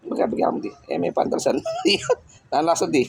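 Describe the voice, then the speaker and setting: A man filming a challenge video, coaxing playfully and laughing often in casual off-camera talk. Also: a little fast.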